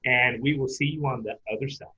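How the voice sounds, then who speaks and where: A man co-hosting a podcast, gently thanking the guest and signing off the show. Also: mid-range voice, steady tone, quick pace, background noise. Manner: gentle, wrapping up with thanks and sign-off. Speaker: podcast co-host. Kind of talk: casual interview chat. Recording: tinny phone-like line.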